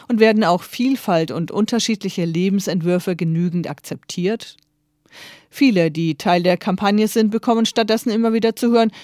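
A radio reporter reading scripted news narration in an even, clear voice. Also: medium pitch, no echo, studio quality.

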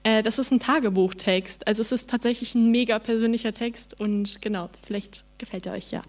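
A young woman performing her own melancholic spoken word poem on stage, soft and slowing down on the repeated refrains. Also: a little high, steady tone. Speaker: poetry slam performer.

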